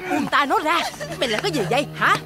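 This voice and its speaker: A woman's voice: high voice, animated, music in the background. An actress playing a stern middle-aged mother of the house, scolding with a Southern Vietnamese accent. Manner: scolding, quick and sharp.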